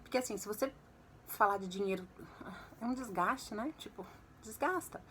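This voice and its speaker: A woman's voice: moderate pace, a bit bright, a little hiss or hum. A woman from Brazil with a Brazilian Portuguese accent, chatting in a confiding way as she gives advice to other mothers. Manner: chatty, confiding, acts out quoted dialogue with pitch jumps. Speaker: vlogger and mother. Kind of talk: casual advice vlog to mothers.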